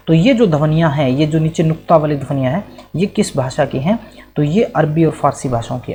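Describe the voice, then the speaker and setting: A man's voice: on the high side, a little mellow. A male teacher explaining exam quiz answers, asking questions and then answering them himself, often checking that the listener follows. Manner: asks and answers his own questions, checks in with "right?". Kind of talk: exam-prep quiz lesson.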